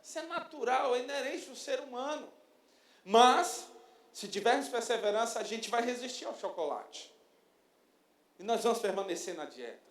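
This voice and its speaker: A man in his thirties preaching a sermon as pastor, lively and storytelling, acting out little quotes. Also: very high voice, normal speed. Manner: animated preaching with acted-out quotes. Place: church sanctuary. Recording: echoey church hall.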